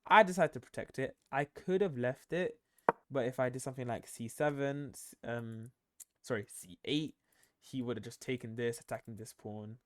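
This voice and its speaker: A man's voice: medium pitch, normal speed, fairly bright tone, no room sound, clean studio sound. A tired young man commenting on his own chess game, thinking aloud with many ums and self-corrections. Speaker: chess streamer.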